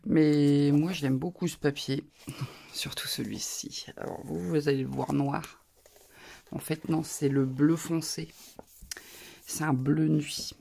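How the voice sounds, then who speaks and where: A woman's voice: deep voice, steady tone, slow pace, vocal fry, dark tone, breathy edge. A woman with a northern French accent, chatting casually and rambling with frequent asides as she shows off her crafting purchases in a haul video. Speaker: crafting YouTuber.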